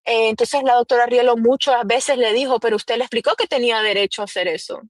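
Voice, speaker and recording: A woman's voice: fairly high pitch, fast, no echo. A woman recounting events in a live audio chat, hesitant with many fillers, acting out quoted dialogue. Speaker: guest reporting on a trial.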